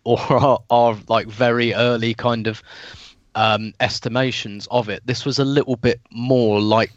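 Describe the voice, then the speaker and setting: A man chats casually about football as a podcast guest. He is halting and restarts often, in a mid-range voice. The recording is dull and dry. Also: mid-range voice, no room sound. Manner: halting, thinking aloud with repeated false starts. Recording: dull lo-fi remote-sounding line.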